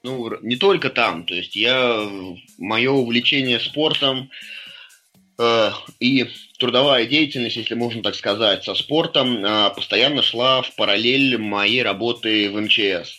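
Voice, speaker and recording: Bright-voiced man explaining, music behind. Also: medium pitch, measured pace. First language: Russian. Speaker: interview guest, firefighter-rescuer and CrossFit coach. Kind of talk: casual interview talk.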